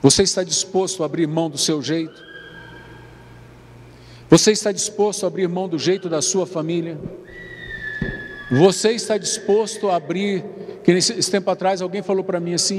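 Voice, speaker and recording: A Brazilian man preaches an evening sermon in a church sanctuary. His voice sits fairly high, and he calls out questions for the congregation to answer. His words ring with a long hall reverb over a faint background hiss. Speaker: pastor.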